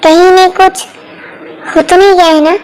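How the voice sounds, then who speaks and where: Girl doing a fussy blurting assistant guy, high voice. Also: flat delivery, normal speed, darkish tone. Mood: fussy worried.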